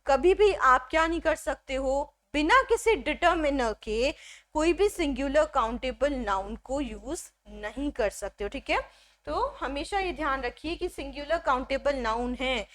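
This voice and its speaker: Grammar teacher, woman, high pitched, patient step-by-step explainer who keeps checking understanding. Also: a bit bright. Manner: explains step by step, often asks "ठीक है" to check; mixes Hindi with English phrases, slows down on English examples. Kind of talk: exam-prep grammar lesson.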